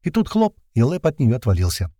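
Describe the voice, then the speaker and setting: Casting: male first-person narrator, tense and colloquial, mellow dark timbre, dry close sound. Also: medium pitch, huge pitch swings, a little fast, no echo. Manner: tense, colloquial storytelling with slang. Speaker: audiobook narrator.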